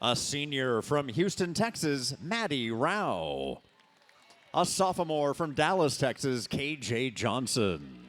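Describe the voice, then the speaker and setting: A man working as an arena PA announcer, introducing teams in a booming, drawn-out stadium style. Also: sing-song, fairly bright tone. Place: large indoor sports arena.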